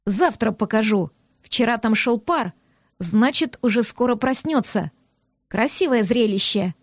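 A woman voicing a gruff reclusive man who speaks low, hushed and soothing in an audiobook. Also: lively intonation, unhurried, dry recording, clean studio sound. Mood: teasing. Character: gruff reclusive man, soft-voiced when calming. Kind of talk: audiobook character voice.

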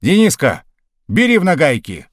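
A man voicing a stern young cavalry lieutenant who barks sharp commands. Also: medium pitch, big pitch swings, moderate pace, dry recording, clean studio sound. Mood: commanding.

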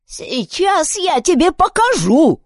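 A woman doing a slow, scolding, hostile old woman. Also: medium pitch, huge pitch swings, breathy edge, dry recording, clean studio sound, full character voice. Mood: threatening. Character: grumpy old female camp woman, hostile.

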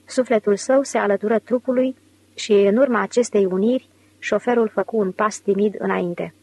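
A woman narrating an audiobook in a measured, clear reading voice. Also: mid-range voice, steady tone, mellow. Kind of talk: scripted narration.

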